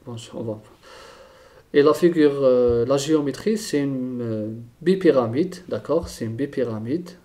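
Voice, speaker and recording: Man with a dark voice, teaching chemistry. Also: mid-range voice, measured pace. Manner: thinks aloud, repeats terms, frequent "d'accord?". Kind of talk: recorded chemistry lesson.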